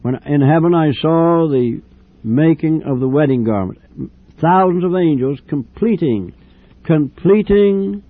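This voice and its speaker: An older man delivers a fervent, repetitive sermon in a fairly high voice. The sound is dry and tinny, like an old radio broadcast. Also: dry recording. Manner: fervent, repetitive preaching with drawn-out phrases. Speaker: preacher.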